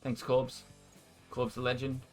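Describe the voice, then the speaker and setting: A man's voice: mid-range voice, monotone, a little slow, soft background music. An Australian man casting esports and chatting casually with his stream viewers, energetically hyping them up. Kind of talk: casual stream chat and play-by-play commentary.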